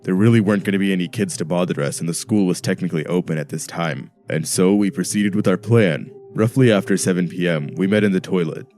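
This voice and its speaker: A man narrating a first-person horror story in a steady storytelling manner. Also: low voice, fast talker, few pauses. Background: soft background music.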